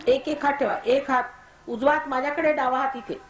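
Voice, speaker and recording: A woman's voice: high voice, steady tone, fairly quick, a little hiss or hum. Stern woman guiding a meditation, echoey. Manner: commanding, scolding. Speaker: spiritual teacher. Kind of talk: guided meditation instructions to a crowd. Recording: echoey hall recording.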